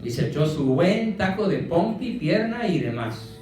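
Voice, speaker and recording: A man's voice: fairly high pitch, very animated, a little slow, a little mellow, slight background noise. A man with a Mexican accent giving a motivational lecture, firing rhetorical questions at his audience. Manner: emphatic, fires rhetorical questions. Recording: echoey room from a distant mic.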